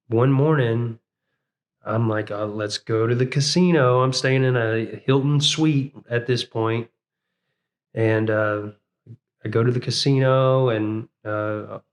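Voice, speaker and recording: A man in his thirties, a podcast guest, casually telling his story with lots of fillers and acted-out quotes. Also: mid-range voice. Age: 30s. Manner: rambling, fillers like "you know what I'm saying"; acts out his own past words in a raised voice.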